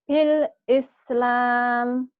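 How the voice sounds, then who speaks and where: A woman from Ponorogo with a Javanese accent reads aloud as a student in an online lesson, her high voice repeating each recited word very slowly and carefully. She comes through a tinny, phone-like call line with a dry sound. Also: fairly even intonation, clean tone, dry recording. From Ponorogo, Java. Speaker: adult student.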